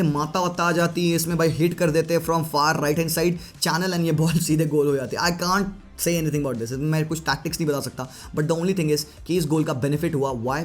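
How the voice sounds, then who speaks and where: Guy breaking down football tactics, chatty, kinda high voice, faint music behind. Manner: lively Hinglish commentary, mixing Hindi and English; chatty, addresses viewers as bhai. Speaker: football analyst.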